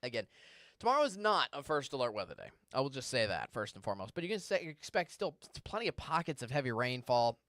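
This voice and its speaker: A man delivering a studio weather forecast, chatty and energetic, leaning hard on the words that matter. His mid-pitched voice sounds dry and close, with no room echo. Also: fast. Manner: energetic, conversational, stresses key words. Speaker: TV meteorologist.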